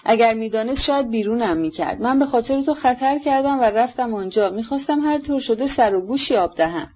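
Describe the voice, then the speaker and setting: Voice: medium pitch, expressive, darkish tone, voice pushed up, close to an everyday voice. A narrator voicing an anxious young woman who urgently pleads with her brother, in a dull lo-fi audiobook recording. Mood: confiding. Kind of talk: audiobook character reading.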